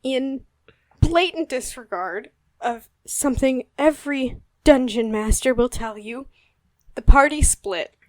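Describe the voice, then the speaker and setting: A playful woman co-hosting a casual history podcast, with a voice a little higher than most. She tells her facts with upbeat energy and laughs easily along the way. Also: unhurried, no echo, poor audio. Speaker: podcast co-host.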